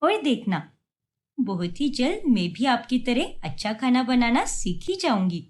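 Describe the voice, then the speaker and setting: A woman voicing a timid young adult daughter who pleads and apologizes in an animated story. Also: fairly high pitch, a little slow. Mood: pleading.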